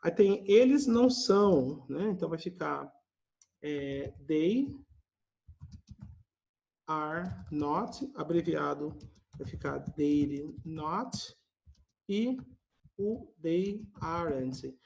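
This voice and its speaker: High-voiced Brazilian man teaching a class. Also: expressive, very slow, gravelly, pauses often, darkish tone, dull audio. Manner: chatty, tags nearly every phrase with a questioning aside. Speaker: English teacher. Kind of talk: online language class explanation. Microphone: video call.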